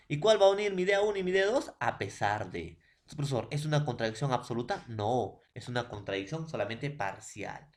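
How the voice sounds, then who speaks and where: A male secondary school teacher with a Peruvian Spanish accent, giving an online class lecture, asking his students constant check-in questions and stressing key terms. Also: mid-range voice. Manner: repeats "profesor" and "¿ya, jóvenes?" as verbal tics; emphatic rises on key terms, drawn-out slow words.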